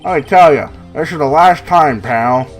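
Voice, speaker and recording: A man voicing a blustery, eager male police detective from a video game, loud and goofy. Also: fairly high pitch, a little slow, faint music behind, lightly acted. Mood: indignant. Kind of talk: amateur voice-over of a video game.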